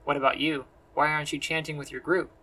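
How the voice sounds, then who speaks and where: A man's voice: fairly high pitch, little pitch movement, fast talker, bright, forceful tone, rough recording. A man voicing a curious young wielder of ether who asks probing questions in an audiobook.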